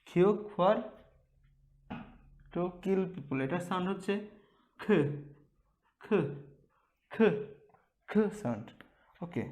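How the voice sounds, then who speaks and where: Slow, repetitive male language teacher. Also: sits high, darkish tone. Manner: drills each letter sound over and over, checks in with "okay?". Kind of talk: slow, repetitive Korean alphabet lesson.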